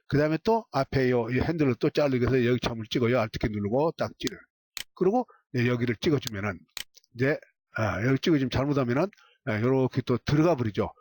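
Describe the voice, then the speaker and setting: A man teaching a software tutorial step by step, repeating short cues as he clicks along. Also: medium pitch, a little hiss or hum. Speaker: software instructor. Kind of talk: screen-recorded software tutorial.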